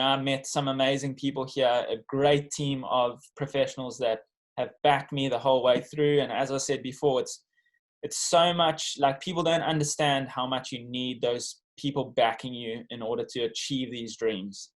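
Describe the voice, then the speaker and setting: A man's voice: medium pitch, steady tone, normal speed, rough recording. A man with a South African accent telling his story in a casual interview, speaking as a professional athlete in an earnest, informal, reflective way. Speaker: professional bodyboarder being interviewed.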